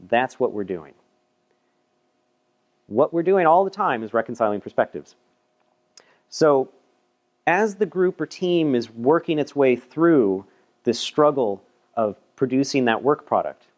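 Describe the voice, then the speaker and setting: A man giving a casual, chatty technical talk at a meetup, presenting a paper with self-deprecating asides and frequent repeated words. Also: mid-range voice. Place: meetup room.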